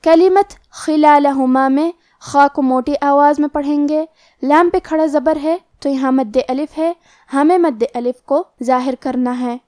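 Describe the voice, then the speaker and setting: A woman with a high, clear voice teaches the rules of Quran recitation in a calm, step-by-step way. She explains each rule plainly and then recites the words slowly. The sound is dry and close, with no room echo. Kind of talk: tajweed lesson with slow recitation.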